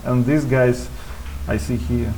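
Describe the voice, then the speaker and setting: Guy co-hosting a tabletop game stream, jokey and chatty, lots of uhs, middle pitch. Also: steady tone, slow, warm tone, a little hiss or hum, poor audio. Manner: chatty, joking, filler-heavy. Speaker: co-host commentator. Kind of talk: live tabletop game commentary.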